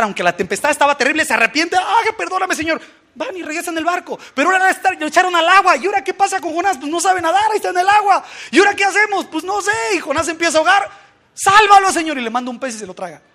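Male preacher, very high voice, animated sermon delivery, acts out voices, heavy on rhetorical questions.

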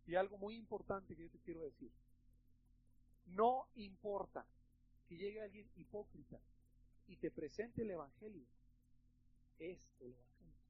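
A man's voice: sits high, lively intonation, measured pace, long pauses, phone-quality sound, slight background noise. A male pastor with a Mexican Spanish accent preaches emphatically and conversationally, often calling the listeners brothers. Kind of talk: sermon.

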